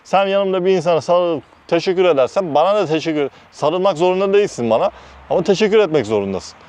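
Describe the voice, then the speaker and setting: Man, from Turkey, casual vlog storytelling, lively swooping intonation, blunt, heated. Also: high-pitched, quick pace. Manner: heated, animated retelling with constant "dedim" between quoted phrases; blunt, uses mild swearing. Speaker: vlogger recounting work experiences.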